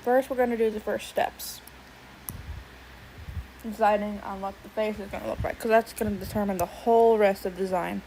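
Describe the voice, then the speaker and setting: A woman's voice: mid-range voice, fairly even intonation, normal speed, mellow, slight background noise, low-quality recording. A young adult woman streamer chatting casually while she draws, thinking aloud and swearing now and then. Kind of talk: casual livestream chat while drawing.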